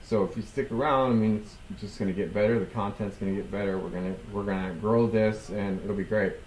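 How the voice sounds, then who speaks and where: A man's voice: lowish voice, fairly even intonation, fairly quick, darkish tone, reverberant, slight background noise, poor audio. Laid-back man rambling on a headset mic. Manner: rambling, many ums and restarts. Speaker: podcast host. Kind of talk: casual chat to camera. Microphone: headset with boom mic.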